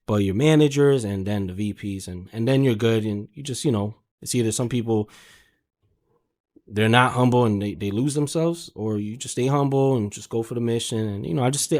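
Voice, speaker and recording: A slangy man with a fairly low, slightly mellow voice tells stories at a brisk pace. He's a car sales manager guesting on a podcast, talking casually and emphatically, swearing freely and sprinkling in "man" and "you know".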